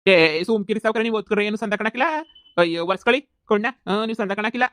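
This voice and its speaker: A man's voice: sits high, fast talker, fairly bright tone, dry recording, studio quality, voice pushed up. A man voicing a poor, loyal village friend who apologizes and reassures humbly. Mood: fussing.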